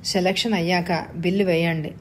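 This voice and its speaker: A woman's voice: lowish voice, fairly even intonation, fairly quick, slight background noise, natural voice. A woman voicing a suave, wealthy young man who speaks with playful confidence in a storybook reading. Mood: teasing.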